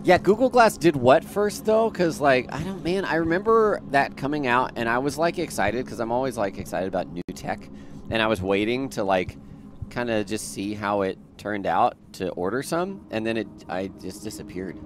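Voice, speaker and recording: A man's voice: medium pitch, lively intonation, moderate pace, a little hiss or hum. A young man from Florida chatting casually as a streamer, rambling and trailing off with fillers. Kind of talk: casual chat.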